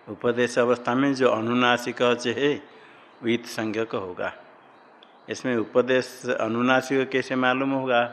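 शिक्षक पुरुष, गूंजते हॉल में व्याख्यान. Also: male voice, medium pitch, fairly bright tone, a little hiss or hum. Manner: explains by asking and answering his own questions, has students recite. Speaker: Sanskrit grammar teacher. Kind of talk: classroom lecture. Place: classroom with students. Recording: long hall reverb.

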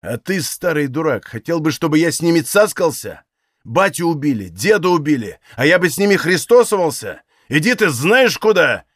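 A man reading aloud, voicing a furious, menacing young Cossack who threatens loudly. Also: a little high, big pitch swings, normal speed, no room sound, clean studio sound. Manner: loud, threatening, snarling.

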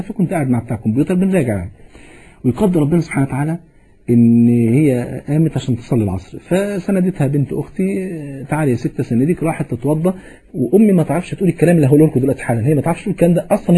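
Husky, fast-talking Egyptian preacher man. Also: a little high, warm tone, poor audio. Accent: Egyptian Arabic. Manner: fervent, heartfelt storytelling rising to urgent exhortation. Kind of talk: sermon.

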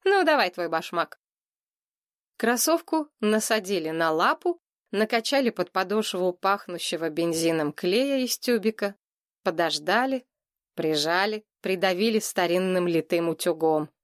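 A woman reading a children's story aloud with clear, expressive narration. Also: on the low side, normal speed, no room sound, clean studio sound. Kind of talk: audiobook narration.

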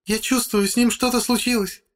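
A weeping village woman, distraught and worn out, her voice cracking high and thin between sobs, as a male audiobook narrator puts her on. She sounds far above a man's usual range, strained and fragile, like a storybook character in distress. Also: animated, a little fast, fairly bright tone. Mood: tearful. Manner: sobbing, broken high voice. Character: tearful middle-aged village woman, distraught.

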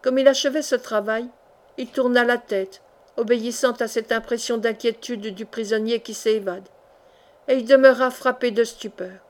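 A woman narrating a classic adventure novel in a measured, expressive audiobook reading. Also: fairly high pitch. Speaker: audiobook reader.

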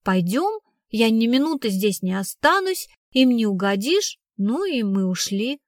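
For an audiobook, a woman voices a blunt, streetwise young woman telling her story in slangy, casual language. Her voice is fairly high, very animated, and slightly slow, recorded at studio quality with no echo.

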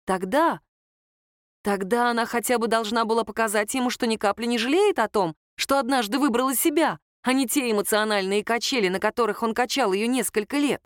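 A woman reading a novel aloud as an audiobook, with expressive storytelling. The voice sits at a middle pitch and is recorded dry, close and clean. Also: brisk, no room sound. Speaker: audiobook narrator. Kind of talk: audiobook narration.

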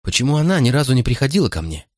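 A man's voice: mid-range voice, sing-song, very fast, darkish tone, dry recording, studio quality, voice pushed up. A man voicing an anxious young boy who presses with emotional, pleading questions in an audiobook.

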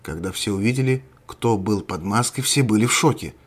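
A man narrating a dramatic story in a measured way. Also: fairly low pitch, slightly rough.

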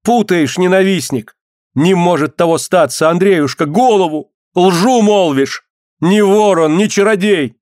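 A man's voice: sits high, measured pace, a little mellow, no echo, studio quality, voice pushed up. A man voicing a wailing peasant wife. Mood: defiant. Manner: lamenting, wailing folk speech.

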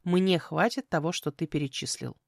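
A woman voicing a sharp-tongued young witch heroine with quick, sarcastic retorts in a fantasy audiobook. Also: low-pitched, creaky, no room sound, clean studio sound. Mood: sardonic.

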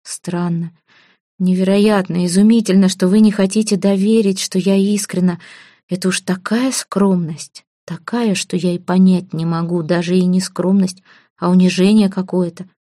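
A woman's voice: lowish voice, fairly even intonation, normal speed, warm tone, no echo, clean studio sound, close to an everyday voice. A woman voicing an earnest, impulsive young nobleman who speaks insistently. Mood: pleading.

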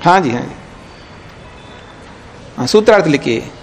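High-voiced, slow-paced male teacher. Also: expressive, a little hiss or hum. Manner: recites Sanskrit slowly, then explains in Hindi; checks understanding with the class. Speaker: teacher of Nyaya philosophy. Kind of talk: classroom lecture explaining Sanskrit sutras. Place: teaching hall of an ashram.

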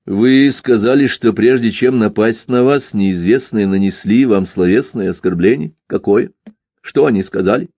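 A man's voice: on the low side, normal speed, dark tone, dry recording. A man voicing a cynical, bigoted male police investigator who questions with dry, needling remarks.

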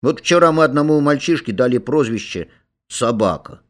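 A man reading a children's story aloud with lively, expressive telling. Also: mid-range voice, normal speed. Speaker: reader.

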